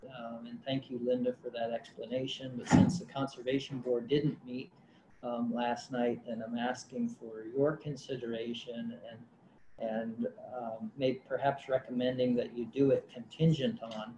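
A man's voice: mid-range voice, little pitch movement, measured pace, mellow. A man, a county conservation director, presenting a project at a public board meeting, hesitant with many fillers and restarts. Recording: roomy meeting-room audio, faint hum.

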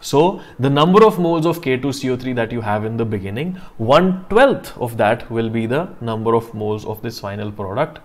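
North Indian man teaching, deliberate and repetitive. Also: medium pitch, expressive. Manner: deliberate, repetitive, checks understanding with questions. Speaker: chemistry teacher. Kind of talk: live online lecture, explaining step by step.

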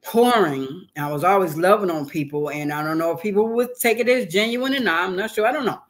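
A woman's voice: lowish voice, fairly quick. A woman guest on an interview show, talking casually and earnestly, repeating phrases for emphasis. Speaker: guest, hip hop artist and author.

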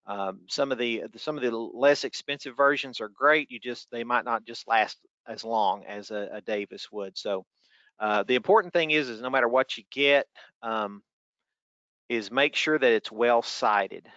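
Guy with a tennessee accent doing a casual q&a as a trainer, crisp bright voice, folksy. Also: medium pitch, moderate pace, no room sound, highs cut off. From Tennessee, United States. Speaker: weather spotter trainer. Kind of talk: informal webinar Q&A, answering read-out questions.

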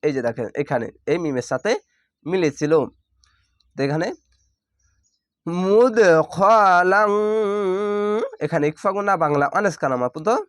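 A man teaching Quran reading, spelling out each syllable and then drawing the word out slowly. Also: fairly high pitch, expressive, no room sound, studio quality. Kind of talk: step-by-step spelling lesson.

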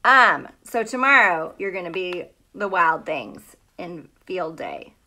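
Her voice lowish and her pace slow, a middle-aged American elementary school teacher hosts a live read-aloud from a small room at home. She's chatty and animated, greeting viewers by name and asking questions, while a phone or tablet at arm's length records her.

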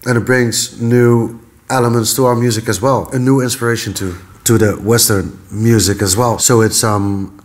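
A man's voice: medium pitch, fairly even intonation, normal speed. A man who works as a music artist, speaking thoughtfully and with some hesitation in a documentary interview.

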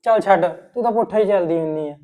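Man acting as a young husband, easygoing, offhand, mellow, quick talk. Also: sits high, natural voice. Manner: offhand, placating. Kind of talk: village family drama acting.

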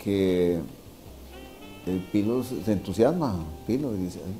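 A veteran Costa Rican sports journalist in his sixties, interviewed in a wine bar dining room with soft music playing, tells anecdotes casually. He repeats phrases for emphasis and checks in with tag questions, speaking in a lowish, animated, warm voice at a measured pace.

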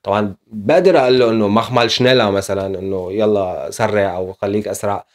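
Brief: male language teacher, low voice, talks very fast, chatty step-by-step explainer. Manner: explains step by step with frequent fillers. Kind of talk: casual video lesson.

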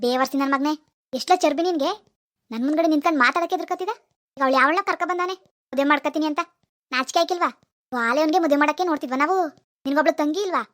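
An actor voices an enraged village father in a cartoon, hurling threats and curses. The voice is oddly high and fast for a father. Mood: threatening. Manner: shouting threats and insults. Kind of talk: animated village drama.

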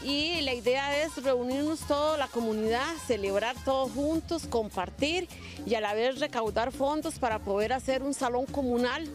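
A woman's voice: sits high, normal speed. A Costa Rican woman in her fifties, a neighborhood resident explaining things casually to a reporter outdoors, with some restarts. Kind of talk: casual interview. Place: outdoors in a park. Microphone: handheld reporter mic. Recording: music bed behind.

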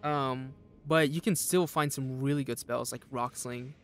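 Jittery young male gamer with gravelly voice. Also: fairly even intonation, unhurried, fairly bright tone, faint music behind. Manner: jittery, laughing, mimics enemies in high voices. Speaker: streamer. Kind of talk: casual gameplay commentary.

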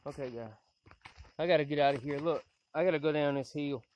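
A frightened man filming a ghost-hunting vlog alone outdoors in the woods at night. He speaks on a handheld camera, shifting between hushed, shaky asides to his viewers and loud calls out to a spirit. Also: a little high, brisk. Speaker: paranormal investigator vlogger.

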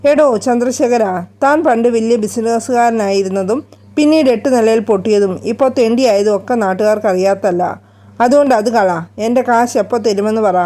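A woman's voice: a little high, a little fast, warm tone, close to an everyday voice. Woman voicing a sneering male moneylender. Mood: menacing. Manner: sneering, menacing. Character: gruff male moneylender, threatening and scornful.

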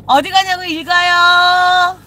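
A woman's voice: very high voice, fairly even intonation, takes it slowly, bright, forceful tone. A woman shaman hosting a casual live stream, chatting with viewers, greeting them and swearing casually. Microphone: phone.

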